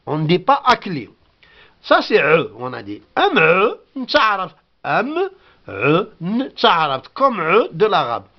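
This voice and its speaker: A man's voice: sits high, wildly swooping pitch, measured pace, muffled recording. A man whose first language is Kabyle gives a patient spoken lesson, repeating each word and sounding it out. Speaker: language teacher.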